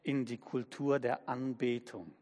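A man preaching a sermon as pastor, slow and emphatic, using everyday examples. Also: medium pitch, a little mellow, big-room sound.

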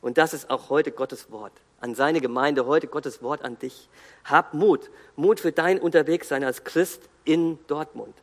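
A man giving an earnest, emphatic sermon, pausing and restarting as he speaks. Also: on the high side, long reverb tail. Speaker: guest preacher.

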